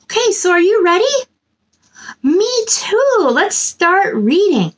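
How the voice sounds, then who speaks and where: A woman in her thirties hosts a children's story time from a small, decorated indoor room, reading a picture book aloud in a bubbly way. Her very high voice is sing-song and slow, with soft music in the background.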